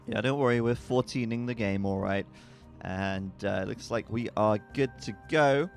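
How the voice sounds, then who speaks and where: A man casting an esports match live, chatty and quick to laugh. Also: on the low side, creaky. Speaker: esports caster. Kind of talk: live game commentary. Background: faint background music.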